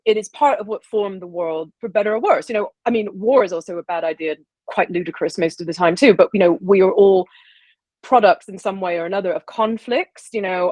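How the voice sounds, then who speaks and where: A woman from the American South, a historian guest on an interview podcast, talking in halting phrases with many restarts. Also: medium pitch, darkish tone, no echo. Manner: halting, restarts, frequent laughs.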